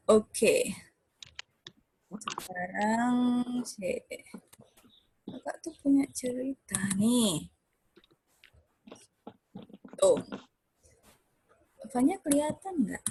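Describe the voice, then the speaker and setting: A woman's voice: a little high, lively intonation, very slow, long pauses, a little hiss or hum. Patient teacher woman on a video call. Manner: patient, coaxing, checks often if children can see. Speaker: homeschool teacher. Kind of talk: online class for young children. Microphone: computer mic on video call.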